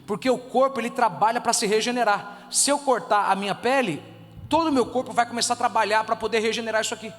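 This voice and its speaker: A Brazilian pastor preaching a sermon, swinging between loud exhortation and soft, intimate asides. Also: male voice, very high voice, in a large hall. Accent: Brazilian Portuguese. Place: church hall.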